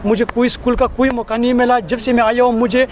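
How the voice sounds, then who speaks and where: A man's voice: very high-pitched, level tone, fast talker, crowd noise. A man in his twenties from Afghanistan, a native Pashto speaker, earnestly pleading about his hardships in a street interview. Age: 20s.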